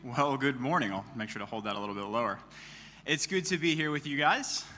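Man, mid-pitched, conversational sermon, explanatory manner, echoing church hall. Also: expressive, a little fast, bright, forceful tone, faint music behind. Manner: explanatory, rhetorical questions. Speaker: preacher. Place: church hall, live before a congregation. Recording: long reverb of a hall.

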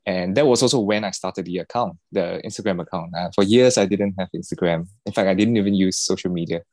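A man answering podcast questions in a relaxed, halting way. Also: sits low, no echo. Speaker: podcast guest, watch collector. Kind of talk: casual interview answers.

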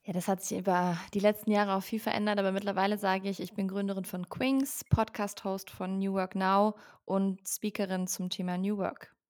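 A young woman in her twenties speaks as a podcast guest, explaining at length in a fluent, explanatory manner. She often fills pauses with ähm, and her pitch sits in the middle range. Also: steady tone, darkish tone. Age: 20s. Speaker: guest, founder. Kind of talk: podcast interview.

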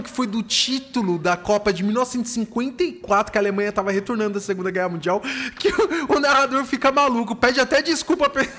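Brazilian music host, medium pitch, casual, slangy, enthusiastic show intro. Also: a bit bright.

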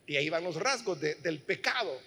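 A man's voice: on the high side, lively intonation, brisk, vocal fry, pushed and bright, breathy edge, in a large hall. A man preaching a sermon, telling a story earnestly and speaking directly to his listeners.

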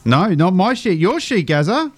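A man's voice: sits high, sing-song, normal speed. An Australian man co-hosting a radio show with casual, bantering chat. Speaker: radio co-host.

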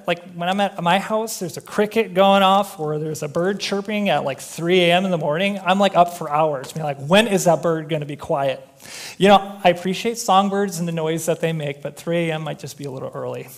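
A man preaches in a relaxed, conversational way and breaks into joking personal asides. His speaking voice sits a little higher than most men's. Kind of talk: conversational sermon.

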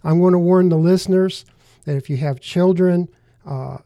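A man hosting a talk show, speaking earnestly and pausing with fillers and restarts. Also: sits high, dark tone, dry recording. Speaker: host.

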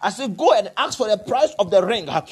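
A male preacher in the full flow of a faith-healing sermon, shouting out his declarations in a high, husky voice. He hammers short phrases over and over like a chant, commanding and insistent. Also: big pitch swings, a little fast. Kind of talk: charismatic prophetic sermon and prayer.

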